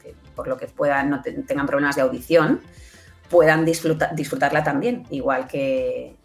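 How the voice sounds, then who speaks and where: Faint music sits behind this interview guest, a woman from Spain who produces audio fiction. She has a bass voice with fairly even intonation and a moderate pace, explaining in a conversational way and frequently adding brief tag questions.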